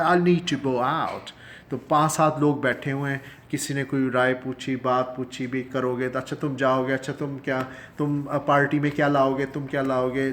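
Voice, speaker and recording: A man from Pakistan teaching English phrases in a casual spoken lesson, explaining in Urdu and slowly stretching out each English phrase, with frequent chuckles and fillers. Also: medium pitch, a bit bright, a little hiss or hum. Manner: chuckles often, conversational with many fillers.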